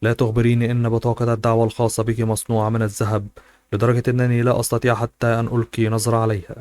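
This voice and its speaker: A man's voice: medium pitch, completely flat delivery, racing, a little mellow, no echo, close to an everyday voice. A man voicing a mocking, spiteful young woman in a novel he reads aloud, in a sneering, taunting manner.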